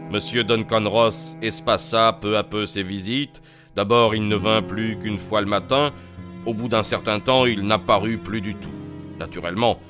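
A man's voice: fairly low pitch, close to an everyday voice. A man voicing a bewildered, aggrieved middle-aged client in an audiobook, earnest and plain. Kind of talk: audiobook character voice.

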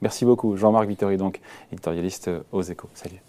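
A man interviewing an economics columnist, asking brisk, probing questions on public debt. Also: sits low, steady tone, heavy background noise. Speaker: radio interviewer. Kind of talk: radio interview.

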